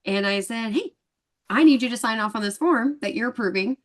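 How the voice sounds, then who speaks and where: A woman speaking quickly in a casual interview. She tells her story with energy and voices the people in it as she goes. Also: a little high. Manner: animated storyteller acting out dialogue. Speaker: guest.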